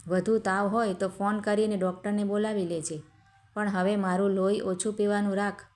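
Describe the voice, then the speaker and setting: A woman's voice: mid-range voice, flat delivery, normal speed, natural voice. A woman voicing a spoiled, contemptuous young wife from a rich family in a told story. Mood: angry. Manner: contemptuous, sharp-tongued.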